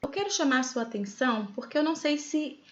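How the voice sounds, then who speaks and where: A woman's voice: high-pitched, lively intonation, fast. A middle-aged Brazilian woman with a Brazilian Portuguese accent, explaining a lesson to students in a chatty way and often checking that they follow. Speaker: writing teacher. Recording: echoey room, slightly dull sound.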